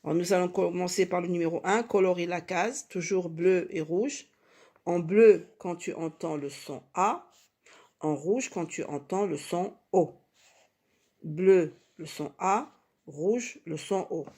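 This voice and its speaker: Slow, patient woman teaching syllables. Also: on the low side, darkish tone, slightly rough. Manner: slow, syllable-by-syllable, emphatic on key sounds; patient, repeats words often. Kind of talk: early reading lesson for children.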